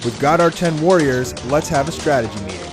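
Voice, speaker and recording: An eager young anime hero, boyish and cheerful, announces a next-episode teaser. The delivery is excited and punchy, pitched up for cartoon adventure. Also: female voice, fairly quick, over music.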